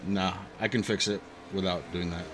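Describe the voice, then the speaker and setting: A man hosting a live racing broadcast, calling the standings and the action in brisk play-by-play over a headset. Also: low voice, steady tone, background noise. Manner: brisk play-by-play, running through standings and names. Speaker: lead race commentator.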